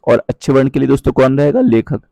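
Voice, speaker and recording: A man teaching a Hindi grammar lesson, explaining patiently, checking in with his viewers often and reciting verse lines slowly. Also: medium pitch, big pitch swings, creaky, mellow, no room sound. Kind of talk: online exam-prep lesson.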